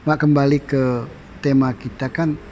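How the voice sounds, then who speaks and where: A man interviewing a guest in casual conversation, with frequent short affirmations and gently probing questions. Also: medium pitch, flat delivery, normal speed, muffled recording, a little hiss or hum.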